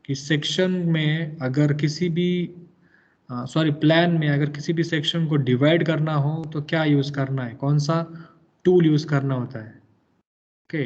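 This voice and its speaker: A man's voice: fairly high pitch, a little mellow. Hindi-English mixing male lecturer, lo-fi sound. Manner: patient, mixes English into Hindi, quizzes students. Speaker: engineering lecturer. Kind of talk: software tutorial lecture.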